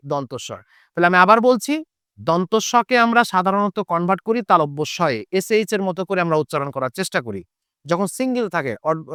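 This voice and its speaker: Smooth-voiced man from Chapainawabganj teaching. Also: sits high, a bit bright, no echo, studio quality. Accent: Chapainawabganj Bengali. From Chapainawabganj, Bangladesh. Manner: repeats key points, asks and answers own questions. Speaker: Bengali teacher. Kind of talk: online grammar lesson.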